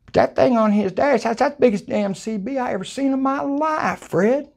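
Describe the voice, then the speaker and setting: Here an older man with a South Texas accent relates a hunting tale casually, folksy and colorful, voicing the people he quotes. He talks at a moderate pace in a very high-pitched voice with vocal fry, captured by a lapel mic in a small room.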